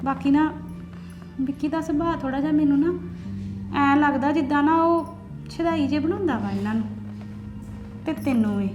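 A woman's voice: high voice, normal speed, long pauses, dull audio, over music, lightly acted. A woman playing a caring elder sister-in-law in a family drama, reassuring and gossipy. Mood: calm. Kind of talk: Punjabi family drama acting.

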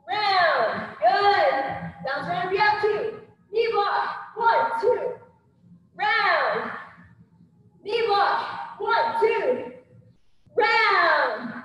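A woman's voice: very high-pitched, fairly bright tone, a little hiss or hum. A woman kickboxing coach energetically calling boxing combos and counts while exercising along with her class. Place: indoor gym with turf floor. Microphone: far camera across the room. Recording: echoey gym hall, far from mic, muffled.

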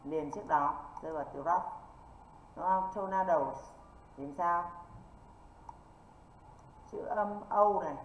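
An English teacher from northern Vietnam with a lowish voice runs an online lesson for exam preparation. She constantly checks in with brief rhetorical questions. The recording is dull, lo-fi and echoey, with a little faint noise.

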